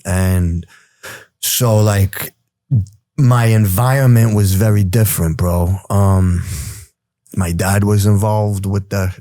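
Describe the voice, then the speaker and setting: A low-voiced New York City man in his forties, appearing as an interview guest, recounts stories from his past in a casual, streetwise way. He's animated and says "bro" and "you know" a lot, and the recording is studio quality with no echo.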